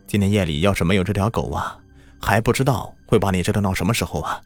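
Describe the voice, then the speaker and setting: A man voicing an anxious elder brother in a village, speaking softly to calm everyone down. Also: low-pitched, fast talker, no room sound, soft background music. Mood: relieved. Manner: placating, soft-spoken.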